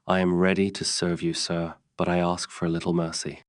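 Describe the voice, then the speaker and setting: A man voicing a brave undercover woman posing as a prison inmate in a narrated story, speaking softly but steadily. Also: sits low, brisk, no echo, clean studio sound, natural voice. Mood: fearful, firm. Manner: soft, steady.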